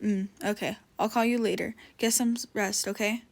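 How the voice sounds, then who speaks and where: A woman reading the lines of a gruff, blunt teenage boy who talks curtly. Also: medium pitch, steady tone, normal speed, lightly acted.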